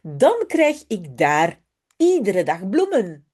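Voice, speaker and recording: A hoarse woman voicing the little boy Jip as she reads a storybook aloud. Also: mid-range voice, huge pitch swings, slow pace, darkish tone, exaggerated voice. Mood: excited.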